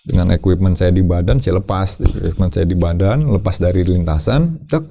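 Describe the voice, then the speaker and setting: A deep, creaky-voiced man who leads cavers tells an interviewer what happened, speaking at a moderate pace. He keeps it informal and spirited, repeating phrases and acting out yells.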